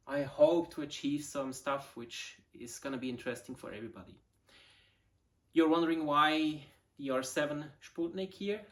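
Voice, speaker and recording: Speaking in a mid-range voice, this channel host in his forties shows off his model rockets in a casual video. English isn't his first language; he's a native Swiss German speaker with the accent to match, and he pauses and fills gaps while searching for words.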